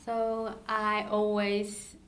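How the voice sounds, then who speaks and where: A woman answers interview questions in a measured, careful way, pausing with small fillers as she builds her sentences. Her voice sits at an ordinary middle pitch. The room around her is noticeably reverberant. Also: monotone. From Taiwan. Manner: measured, halting non-native phrasing with fillers. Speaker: startup co-founder, guest. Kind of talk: interview conversation.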